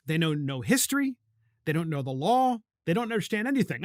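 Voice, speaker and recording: A man's voice: a little high, a bit bright, dry recording, clean studio sound. A man hosting a political commentary podcast, talking emphatically with indignant, sarcastic asides. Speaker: podcast host.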